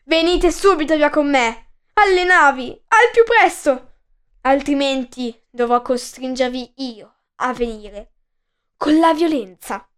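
A menacing male warrior messenger, voiced by a woman reading a myth aloud, bursts out in loud, high, threatening shouts. He barks his orders and warns of violence. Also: expressive, slow pace, full character voice. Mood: shouting. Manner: shouted commands.

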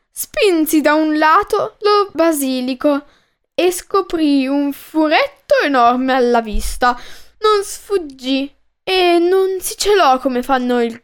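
A woman reading as a flustered old-time monk. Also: sits high. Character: flustered medieval male monk writing a chronicle.

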